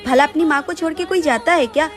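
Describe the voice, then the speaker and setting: A woman playing a caring daughter-in-law, speaking gently and affectionately. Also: high-pitched, quick pace, faint music behind.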